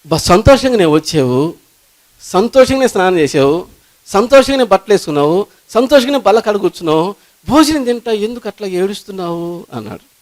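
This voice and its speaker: Pastor preaching a story sermon. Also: male voice, sing-song, brisk, pauses often. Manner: storytelling sermon, repeats phrases, swings from loud climbs to hushed lows.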